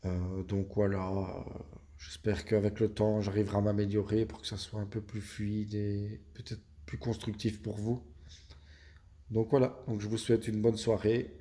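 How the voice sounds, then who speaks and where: A Belgian man with a Belgian French accent walks through gameplay tips in a casual, hesitant way, often stopping on fillers and correcting himself. His voice sits low and dark, with a flat, even delivery that rarely lifts. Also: normal speed. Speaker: gaming YouTuber.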